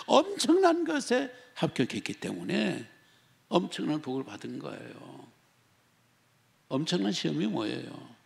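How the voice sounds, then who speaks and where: A male pastor delivers a sermon in a strongly gravelly voice that sits a little high. He keeps firing rhetorical questions at his congregation and slips into first-person pleading to act out the story, his pitch swinging widely as he does. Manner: emphatic, asks rhetorical questions. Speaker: senior pastor.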